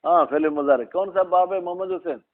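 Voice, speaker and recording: A man teaching an Arabic grammar class, explaining slowly and quizzing his students by name. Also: high voice. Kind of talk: classroom lesson, questioning students. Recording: tinny phone-like recording.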